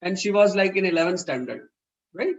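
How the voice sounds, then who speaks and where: A man with an Indian English accent gives an earnest parenting talk in an online webinar, explaining things carefully and acting out quoted dialogue. His voice is high, animated and fairly quick, and the audio has its highs cut off.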